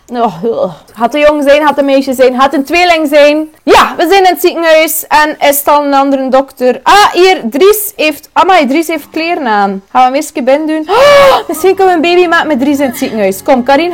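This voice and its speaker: Excitable young Flemish woman gaming. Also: sits high. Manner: chatty, excitable, swears and exclaims a lot. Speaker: gaming YouTuber. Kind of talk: casual let's-play commentary.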